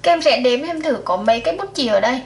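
A woman teacher leading a first-grade math lesson, counting aloud slowly and patiently for young children. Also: high-pitched, animated, vocal fry. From Vietnam.

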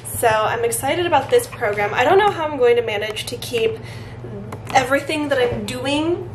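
A woman's voice: high voice, moderate pace, noisy background. A young woman from California's Central Valley, a college student talking candidly in a casual vlog, with lots of "like" fillers. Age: young adult. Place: at home.

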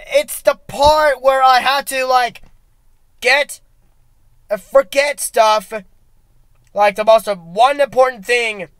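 A young man with a high voice rambles through a comic monologue in a slow, unhurried way. He trips over restarts and swings between sudden shouts and hushed asides. The sound is dry and close. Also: clear, resonant tone, dry recording. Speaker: comedy vlogger.

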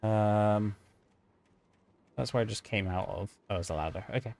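A man's voice: fairly low pitch, moderate pace, vocal fry, darkish tone. A man streaming a video game, chatting to his viewers, joking and yelping at scares. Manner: chatty, jokey, talks to chat, yelps at scares. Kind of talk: gameplay commentary.

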